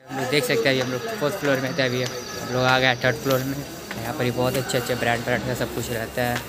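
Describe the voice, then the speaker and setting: A man's voice: medium pitch, flat delivery, fast. A young man talking casually as a vlogger on a phone camera held at arm's length, rambling like a tour guide. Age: young adult. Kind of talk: casual vlog narration. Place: outdoors by a city road, then inside a large shopping mall.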